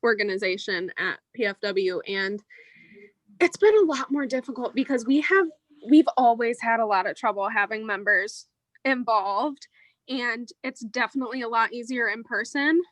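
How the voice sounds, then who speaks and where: A fairly high-voiced woman speaks with dry, close sound in an online meeting. She is a student board member and talks candidly and chattily. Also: moderate pace, dry recording. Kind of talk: casual online meeting talk.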